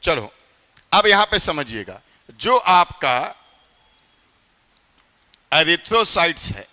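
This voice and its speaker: A man with a high, bright voice lectures a classroom in north Indian Hindi, chatty and quick to quiz his students. His voice rings with the long reverb of a hall. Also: big pitch swings. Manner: chatty, quizzes students often. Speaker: teacher.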